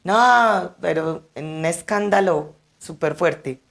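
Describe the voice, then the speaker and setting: A woman's voice: low-pitched, measured pace. A woman who works at funerals, telling anecdotes in an interview and animatedly acting out the people in them. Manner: animated, acts out quotes. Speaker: funeral service worker.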